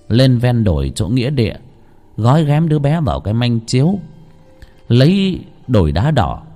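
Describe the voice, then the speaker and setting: A man narrating a ghost story in a dramatic, lively storytelling manner. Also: mid-range voice.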